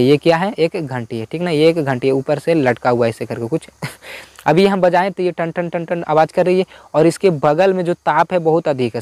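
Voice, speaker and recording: Man explaining physics answers, bit high-pitched. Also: darkish tone, no echo. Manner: repetitive, asks and answers his own questions; informal colloquial Hindi. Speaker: teacher.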